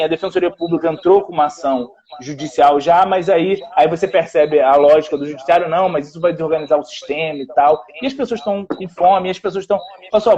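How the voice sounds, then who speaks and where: A man's voice: sits high, mellow, muffled recording. A man, a public defender telling a story in a live panel talk and quoting others in dialogue.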